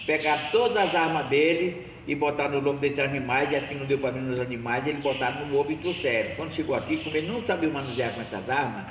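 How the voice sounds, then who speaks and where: A man's voice: on the high side, fast, few pauses. A man tells local history in a loose, rambling way, often restarting and correcting himself. His voice is heard from a distance in a reverberant, roomy space. A faint noise runs underneath. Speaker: local storyteller. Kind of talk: oral history storytelling.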